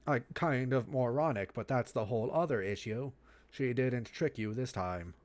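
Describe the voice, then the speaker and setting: A reader doing a deadpan cool teen boy's voice made to sound robotic and machine-like, in a slow, low, flat drawl while reading a webcomic aloud. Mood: exasperated. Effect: flat robotic, machine-like delivery done by mouth.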